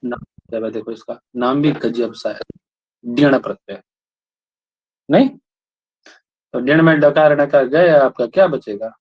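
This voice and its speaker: A man's voice: medium pitch, unhurried, long pauses, husky. A man teaching a Sanskrit grammar class who keeps repeating his questions and prodding students to answer. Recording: dull lo-fi sound.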